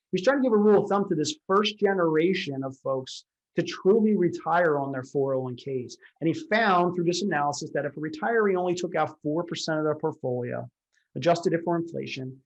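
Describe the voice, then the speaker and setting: Man, retirement advisor, talky lecture, rhetorical questions, slightly high voice. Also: a little mellow, dull audio. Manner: conversational, many "you know" fillers and rhetorical questions. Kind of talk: explanatory lecture with slides.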